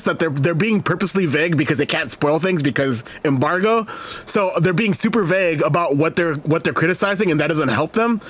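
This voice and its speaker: A man's voice: on the high side, a bit bright. A man streaming live, reading reviews aloud and reacting with rambling jokes and frequent laughter. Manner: rambling, joking, laughs often.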